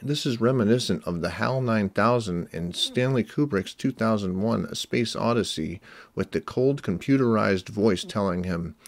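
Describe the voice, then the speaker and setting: A man reading a scripted analytical narration in a measured, explanatory way. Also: on the low side. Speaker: video essay narrator.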